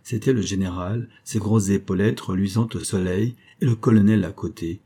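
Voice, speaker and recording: A male narrator with a low, husky voice and a dark, mellow tone. He reads a classic story aloud in measured, even scripted audiobook narration.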